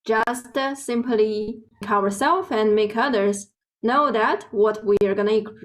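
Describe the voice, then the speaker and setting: Slow-talking Chinese woman teaching. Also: fairly high pitch, low-quality recording. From Beijing, China. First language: Mandarin Chinese. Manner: slow, careful explaining with drawn-out example words. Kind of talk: online language lesson.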